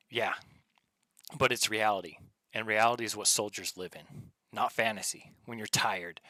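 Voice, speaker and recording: Male motivational speaker, lowish and hard-edged, blunt commands in stern military style, dry close sound. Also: pushed and bright, no room sound. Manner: blunt, commanding, short punchy phrases.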